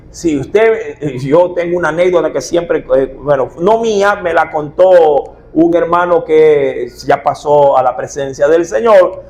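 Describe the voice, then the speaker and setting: A man's voice: fairly high pitch, a little mellow, low-quality recording. A man, preaching a sermon as pastor, firing rhetorical questions at his congregation. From Ecuador.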